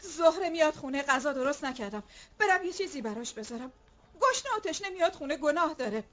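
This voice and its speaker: A high-voiced distraught wife. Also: female voice, animated, a bit bright. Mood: weary. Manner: pleading, emotional, given to outbursts. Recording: dull lo-fi TV drama sound.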